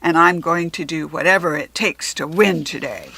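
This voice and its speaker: A woman voicing a horrid, boastful male frost villain in a children's storybook, loud and menacing. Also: low-pitched, normal speed, vocal fry, slight background noise, pitched below the performer's own voice, full character voice. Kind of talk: children's storybook character reading.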